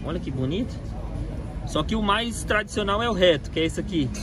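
A man's voice: high-pitched, expressive, brisk, music in the background. A man, chatting upbeat to his phone camera and asking market sellers about prices. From Brazil. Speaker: vlogger. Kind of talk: casual vlog and market haggling. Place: inside a parked car, then an outdoor street market. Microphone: phone camera held at arm's length. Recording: loud street noise behind.

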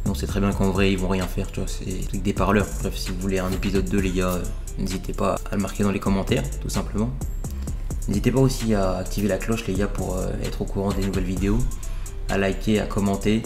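A young man signing off to his viewers in a quiet, low-key, hesitant way. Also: little pitch movement, fast, over music. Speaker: vlogger. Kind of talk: calm outro to viewers.

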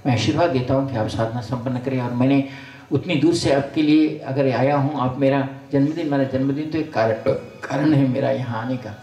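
A man's voice: medium pitch, steady tone, brisk, dark tone, muffled recording. An older man, a spiritual teacher, giving a folksy sermon to a gathering, blessing and scolding by turns. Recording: roomy sound from far off the mic.

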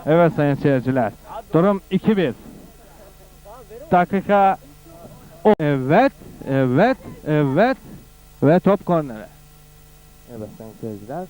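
A man commentates live on an amateur football match in a fairly high voice. He gets excited as he calls the play, exclaiming goals and repeating short phrases again and again. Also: takes it slowly, pauses often, low-quality recording.

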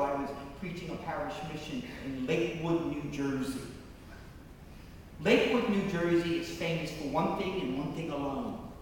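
Man preaching, storytelling sermon, high voice, slow deliberate delivery, distant mic in an echoey church. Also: slight background noise. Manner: storytelling preacher, dramatic pauses and emphatic rises. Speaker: priest leading a parish mission. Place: large church.

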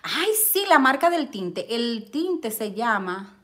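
Excitable woman live-streaming. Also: a little high, takes it slowly. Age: middle-aged. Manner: excitable, exclaims often, bursts into loud laughter. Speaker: vlogger hosting a live stream. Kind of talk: casual live-stream chat reading viewer comments.

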